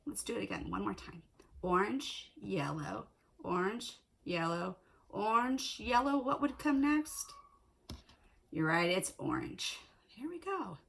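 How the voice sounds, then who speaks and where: Woman, children's teacher, at home, lively sing-song pitch, slow and deliberate, gravelly husky edge. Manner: cheerful, encouraging, sing-song counting for young children. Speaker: preschool teacher. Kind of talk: children's video lesson and read-aloud. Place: at home, indoors.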